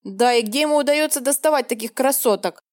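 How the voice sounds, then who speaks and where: A woman's voice: sits high, brisk, darkish tone, close to an everyday voice. A woman reading the lines of a leering grey-haired man in his fifties in an audiobook. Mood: oily leering. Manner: oily, leering.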